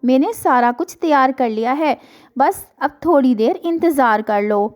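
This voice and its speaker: A woman voicing a sly, scheming male crow in a cartoon story, smooth and flattering. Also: high voice, lightly acted. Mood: coaxing.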